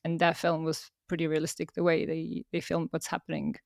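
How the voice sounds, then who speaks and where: A woman's voice: low voice, monotone, fairly quick, vocal fry, a little mellow, no echo, studio quality. A woman from Estonia, a podcast guest telling stories in casual talk and laughing often.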